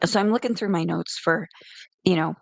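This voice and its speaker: A woman's voice: on the low side, moderate pace, gravelly, no echo. A middle-aged woman hosting a casual spiritual talk show, chatty and rambling, often correcting herself as she goes. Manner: rambling, self-correcting, friendly. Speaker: host.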